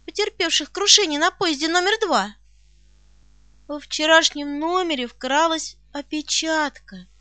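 Bright high-voiced woman narrating. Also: no room sound. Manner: expressive first-person storytelling. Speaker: audiobook narrator. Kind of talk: scripted audiobook narration.

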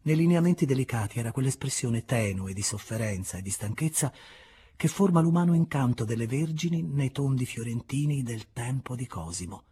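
Narrazione da audiolibro letterario: un lettore dalla voce maschile nella media, fortemente velata e soffiata. Legge con calma e cura, abbassando talvolta la voce in un sussurro. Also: male voice, medium pitch, slightly rough. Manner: measured, expressive, sometimes dropping to a whisper. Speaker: audiobook reader.

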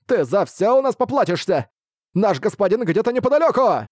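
Male reader voices a cowardly little bat servant for an audiobook, shrill, boastful, lively and high. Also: fairly quick, no room sound, studio quality. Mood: shrill boasting. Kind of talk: audiobook reading.

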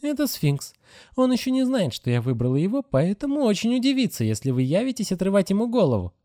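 A defiant teenage girl, as a male narrator puts her on, her voice raised high with lively swings in pitch. She answers back boldly and insolently. The sound is dry and close, like a home-made audiobook. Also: fast, no echo.

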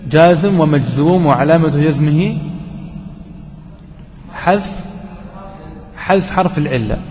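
A man's voice: a little high, a little mellow. A man teaching a grammar class, explaining each point step by step and checking with his students through questions. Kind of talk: classroom lesson. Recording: dull lo-fi recording with long reverb in a hall.

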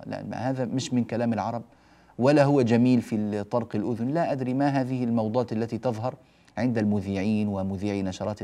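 Male tajweed teacher; lectures plainly, then stretches each example word slowly. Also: medium pitch, warm tone. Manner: stretches example words slowly, drawn-out recitation; addresses listeners directly, mildly scolding asides. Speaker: Quran recitation teacher. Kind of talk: religious lesson explaining tajweed rules.

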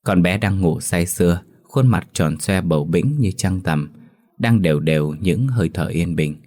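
Deep-voiced man narrating a ghost story. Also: lively intonation, moderate pace, a little mellow.

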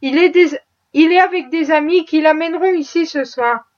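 A woman reading the part of a kind, gentle Quaker matron, speaking softly and tenderly. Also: high voice, moderate pace, natural voice. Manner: soft and tender. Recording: muffled lo-fi audio.

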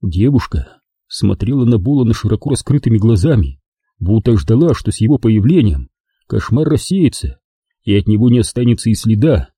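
Dark, husky male audiobook narrator. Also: on the low side, normal speed, no room sound, clean studio sound. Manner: expressive storytelling.

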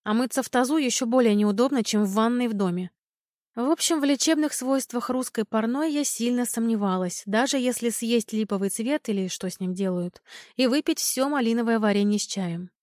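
A woman's voice: fairly high pitch, brisk, darkish tone, no room sound. A woman narrating a first-person audiobook in a wry, ironic manner, close to the mic.

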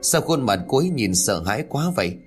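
Brief: narrator doing a nervous young villager, mumbling questions. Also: male voice, mid-range voice, very animated, a little fast, soft background music, close to an everyday voice. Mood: anxious. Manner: mumbling, anxious.

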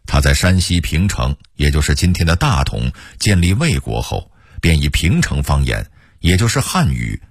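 A man's voice: very deep voice, slightly rough, dry recording, studio quality. A middle-aged man with a Beijing accent narrating local history on radio in a leisurely, chatty way. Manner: leisurely, chatty, addresses listeners as 您. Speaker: radio storyteller.

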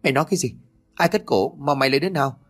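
A man voicing a blunt, gruff middle-aged village man in a narrated ghost story. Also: mid-range voice, very fast, fairly bright tone, pitched above the performer's own voice, close to an everyday voice. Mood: confused. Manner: blunt, rough questioning.

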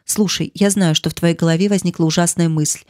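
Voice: medium pitch, steady tone, fairly quick, a little mellow, no room sound, studio quality, lightly acted. A narrator voicing a passionate young woman pleading with her lover in an audiobook. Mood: impassioned. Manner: pleading, impassioned. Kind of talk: audiobook character reading.

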